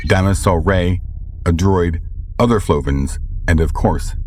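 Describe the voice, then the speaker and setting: A man reading scripted story narration in a measured, storytelling way. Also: extremely low pitch, a little mellow, a little hiss or hum.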